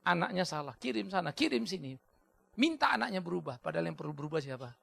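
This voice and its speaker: A man, a pastor, preaching a sermon, swinging between loud exhortation and soft storytelling and repeating key phrases for emphasis. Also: on the high side, very animated, fast, vocal fry, slightly rough. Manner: mixes in English words.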